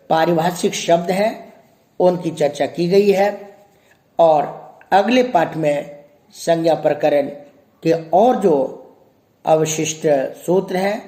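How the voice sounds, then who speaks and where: A man, a grammar professor, giving a measured recorded lecture and reciting rules slowly. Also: fairly high pitch, warm tone. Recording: echoey room.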